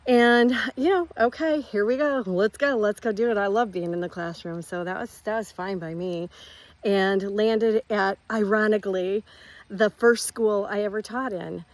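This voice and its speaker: A woman's voice: mid-range voice, normal speed, no room sound. A woman in her fifties, a retired teacher, chatting casually and rambling through a catch-up vlog while walking outdoors on her rural property.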